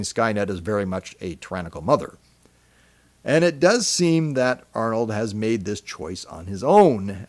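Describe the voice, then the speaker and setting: Reflective male podcast host, lively pitch. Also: no room sound. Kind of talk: scripted podcast commentary.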